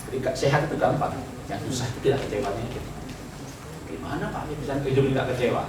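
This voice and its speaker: A man's voice: mid-range voice, quick pace. A man preaching a sermon at a church retreat, humorous and teasing, laughing often with the congregation. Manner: acts out people's prayers in mocking voices. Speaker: pastor. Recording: echoey hall, mic at a distance, background noise.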